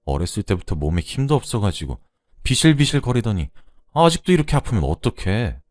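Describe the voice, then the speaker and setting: A man doing a gruff, blunt older brother figure. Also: fairly low pitch, very animated, fairly quick, a little mellow, no echo, clean studio sound, faint music behind. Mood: gruff tender. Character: gruff, taciturn middle-aged man, tenderly blunt.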